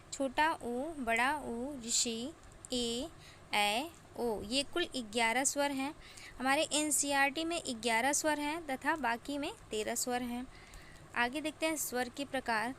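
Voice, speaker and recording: A woman teaching an exam-prep grammar lesson, defining terms and drawing out each example slowly and deliberately. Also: high-pitched, fairly bright tone, a little hiss or hum.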